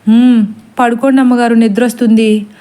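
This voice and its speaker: A woman's voice: fairly high pitch, little pitch movement, brisk, warm tone, lightly acted. A woman voicing a sleepy, dismissive maidservant who placates her frightened mistress. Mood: placating. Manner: drowsy, placating.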